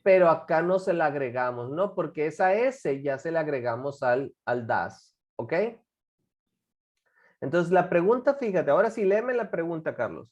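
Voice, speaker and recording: A woman with a low voice leads an English class. Her pitch rises and falls a lot as she coaxes students along with guiding questions. She drills pronunciation patiently, repeating each word. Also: animated, moderate pace, a little mellow, lo-fi sound. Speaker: English teacher.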